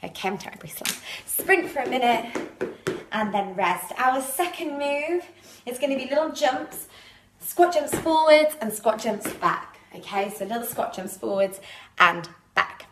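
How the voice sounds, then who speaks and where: A woman's voice: fairly high pitch, lively intonation, measured pace, fairly bright tone, reverberant, a little hiss or hum. A woman leading a live home workout, chatty and a little out of breath, laughing at her own slips while she demonstrates the moves. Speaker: fitness instructor. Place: living room.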